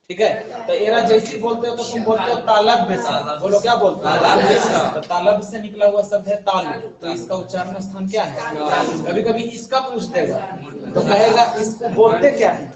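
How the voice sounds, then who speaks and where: A male grammar teacher, teaching a class and drilling rules by asking his students to repeat. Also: high voice. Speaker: Hindi and Sanskrit grammar teacher. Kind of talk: classroom lesson. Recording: echoey classroom from far off.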